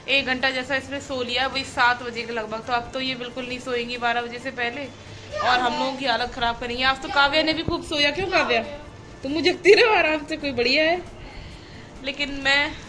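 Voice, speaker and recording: A woman in her thirties chatting casually as a family vlogger, turning high and sing-song when talking to her toddler. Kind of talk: casual vlog narration.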